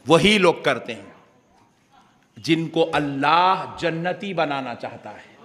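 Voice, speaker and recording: Male preacher, high bright voice, fiery refrain-driven sermon with shouted peaks, long hall reverb. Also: expressive. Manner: fervent oratory with repeated refrains, rising to shouts. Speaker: Islamic preacher. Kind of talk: impassioned sermon. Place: religious gathering with a live audience.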